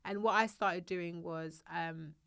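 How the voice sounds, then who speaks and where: A woman's voice: on the low side, slow, gravelly, clear, resonant tone. A woman, a podcast guest chatting casually and acting out family moments. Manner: animated storyteller, acts out her kids' voices. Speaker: podcast guest, hairstylist and salon owner. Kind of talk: casual chat.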